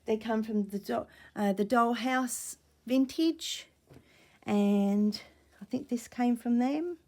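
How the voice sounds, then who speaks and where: A woman chatting casually in a soft, mellow voice that is a little croaky. She rambles gently through a show-and-tell and often sinks to a near-whisper. She is recorded on a desk camera in a small home room. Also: on the high side, slow. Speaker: vlogger showing vintage finds. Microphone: camera or tablet on a desk.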